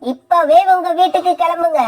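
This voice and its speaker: Woman voicing a shrill scolding mother crow. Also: moderate pace. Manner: sharp-tongued, scolding, threatening. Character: harsh scheming mother crow, young wife. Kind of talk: cartoon voice acting.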